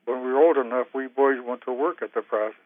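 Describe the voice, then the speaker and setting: A man reading a memoir passage in a flat, even storytelling voice. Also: medium pitch, fast talker, dry recording. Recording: tinny phone-like sound.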